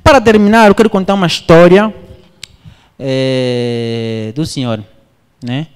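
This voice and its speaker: A man's voice: unhurried, clear, resonant tone. A man from Angola preaching a sermon, telling a story with his voice swinging up and down. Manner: animated storytelling, voice swings high and low. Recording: long hall reverb.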